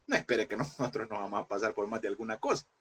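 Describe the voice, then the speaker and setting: A man's voice: lowish voice, animated, fast talker, fairly bright tone, a little hiss or hum. A man teaching a Bible class in a preaching style, emphatic and repeating phrases, often calling listeners brother.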